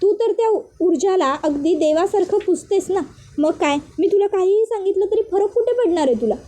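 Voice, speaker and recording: A woman's voice: very high-pitched, animated, brisk, warm tone. A woman voicing a scheming elder sister who speaks in a coaxing, persuasive way.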